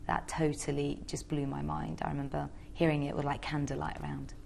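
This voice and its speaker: This young woman from Georgia, a singer, answers interview questions in a chatty, hesitant way with plenty of fillers. Her deep voice is monotone, brisk, creaky and darkish in tone, with slight background noise behind it.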